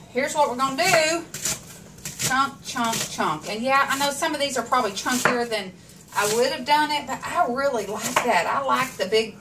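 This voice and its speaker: A woman chatting homily to viewers while she cooks in her kitchen. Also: fairly high pitch. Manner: chatty, homespun, talks to viewers while cooking. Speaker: home cooking vlogger. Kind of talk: casual cooking chat. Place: home kitchen. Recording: home kitchen, mic at a distance, cooking noise. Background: chopping, sizzling pans and dishes.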